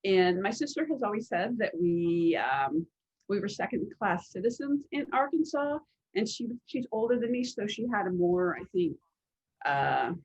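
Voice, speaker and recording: A woman author from the United States introducing herself on a panel, soft-spoken and hesitant with many fillers. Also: mid-range voice, expressive, moderate pace, slightly rough. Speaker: children's author. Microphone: video call. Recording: dull lo-fi call audio.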